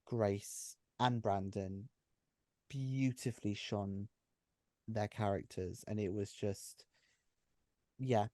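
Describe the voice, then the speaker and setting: A man who writes and runs an audio drama chats casually and effusively behind the scenes, often repeating his phrases. His lowish voice is warm and steady, slow with frequent pauses, and the recording has no room sound.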